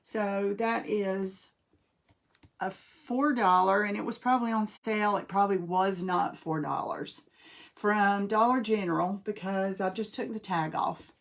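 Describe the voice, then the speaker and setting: A woman's voice: medium pitch, unhurried, creaky. A woman with a North Carolina Southern accent, hosting a live-streamed craft demonstration from her craft table and chatting folksily with viewers by name as she works. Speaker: craft host.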